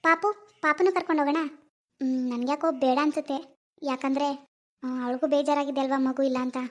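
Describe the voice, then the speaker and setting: A performer voicing a caring, cautious middle-aged mother-in-law in an animated family drama. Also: sits high, quick pace. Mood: concerned. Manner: firm but caring, worrying.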